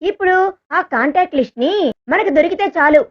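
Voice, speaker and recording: A woman's voice: high voice, animated, brisk. A woman voicing a teasing, caring young man in a romantic audio story, in a slightly dull recording. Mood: calm explaining. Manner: teasing, gentle, reassuring.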